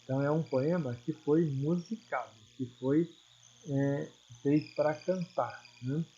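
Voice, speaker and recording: A man's voice: fairly high pitch, unhurried, dark tone, dull audio, a little hiss or hum. A man with a Brazilian Portuguese accent, a teacher explaining a recorded video lesson patiently, with many fillers and repetitions.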